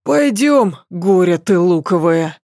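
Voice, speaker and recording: A woman voicing a blunt young man who talks in a gruff, teasing, matter-of-fact way. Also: fairly low pitch, expressive, slow, darkish tone, no room sound, studio quality.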